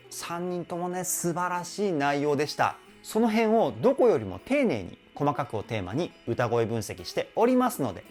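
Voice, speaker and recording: A man hosting a channel as a vocal trainer, breaking down singing in a reaction video with keen, explanatory enthusiasm. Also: a little high. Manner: enthusiastic, explanatory, often exclaims how cool it is.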